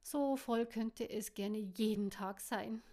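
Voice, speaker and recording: A woman's voice: on the high side, takes it slowly, a little mellow. A woman doing a harried, pleading young barmaid. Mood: dreamy. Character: busy young barmaid, slightly hurt.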